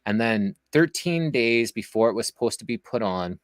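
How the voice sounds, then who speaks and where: A man's voice: mid-range voice, expressive, normal speed, no echo. A man telling a long story as an interview guest, casual and rambling, with many fillers and restarts.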